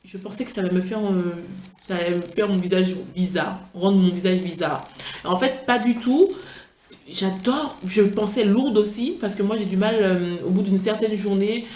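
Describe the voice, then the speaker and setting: A woman's voice: medium pitch, normal speed, a little mellow. Chatty woman vlogger in an echoey room. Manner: chatty, self-mocking, talks about herself in third person. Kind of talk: casual chat.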